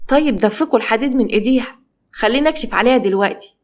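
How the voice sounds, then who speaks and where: A woman with an Egyptian accent voicing a puzzled female doctor who speaks briskly. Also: a little high, lively intonation, lightly acted. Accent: Egyptian Arabic.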